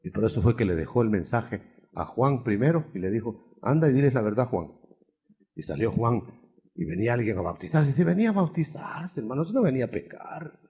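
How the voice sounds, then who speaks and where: A man preaching a sermon in an animated storytelling way, acting out shouted quotes. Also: medium pitch, brisk. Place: seminar hall. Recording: dull lo-fi 1991 seminar recording.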